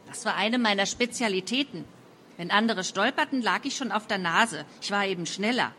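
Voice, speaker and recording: A woman reading a first-person young adult novel aloud in a lively, wry storytelling manner. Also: on the high side, slight background noise. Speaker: audiobook narrator.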